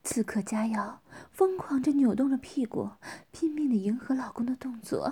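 Woman whispering an erotic story, quiet breathy narration, high-ish voice. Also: moderate pace, noisy background. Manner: soft, hushed whisper.

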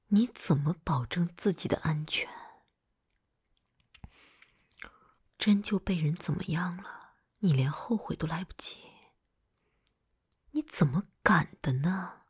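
A woman's voice: low-pitched, measured pace, pauses often, a little mellow, heavily acted. A woman voicing a hot-tempered but doting older girlfriend in whispered role-play. She swears freely and swings between scolding and coaxing. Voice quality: very breathy, husky.

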